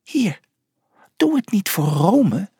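A man voicing a small, excitable male mouse in a children's audiobook, in a squeaky high voice. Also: takes it slowly, breathy edge, dry recording, clean studio sound, heavily acted. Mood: encouraging.

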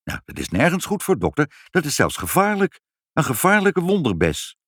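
A fretting mother from a children's story, warning and urging with a lively, swooping voice, played by a man reading aloud. She sounds anxious and insistent. The recording is close and dry. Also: on the high side, moderate pace, dry recording, voice pushed up, exaggerated voice.

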